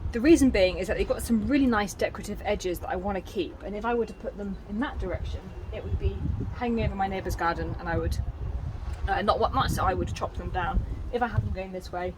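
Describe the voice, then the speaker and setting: A woman talks her way through a home DIY job out on a garden deck, chatty and practical with wry little asides about her own slips. Her voice sits at an ordinary middle pitch. Steady outdoor noise and the odd passing vehicle run under the recording. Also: quick pace. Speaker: DIY vlogger. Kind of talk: casual vlog narration while working.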